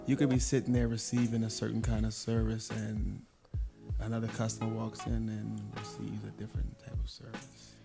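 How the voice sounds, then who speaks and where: A man co-hosting a casual podcast raises questions in a loose, rambling way. His voice is lowish and nearly monotone. Loud music plays under him the whole time. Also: normal speed, gravelly. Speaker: podcast co-host. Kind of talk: casual chat.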